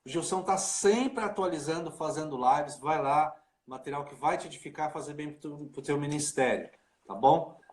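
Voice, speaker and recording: His voice sits a little high and he talks at normal speed. This pastor hosts a relaxed video-call livestream, rambling informally with fillers like né and cara, and the audio has an echoey room sound.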